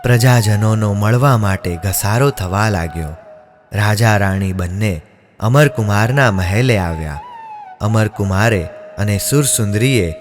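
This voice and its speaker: A man narrating a devotional drama in a measured, solemn storytelling manner. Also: fairly low pitch. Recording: long reverb, music underneath.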